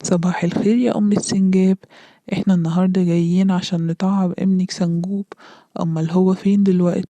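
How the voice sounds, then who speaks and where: This is an earnest, cheerful male cartoon doctor played by a woman. He speaks with an Egyptian accent in a very dark, mellow tone. He rattles on at top speed, close and dry on the mic. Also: on the low side, little pitch movement, dry recording, lightly acted. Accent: Egyptian Arabic. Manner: rapid, chatty explaining.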